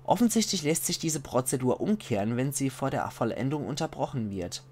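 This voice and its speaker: A man's voice: mid-range voice, animated, a little mellow. Palatinate German man reading game texts. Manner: measured reading voice, slows for foreign titles. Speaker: let's play commentator. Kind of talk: reading game texts aloud with casual asides.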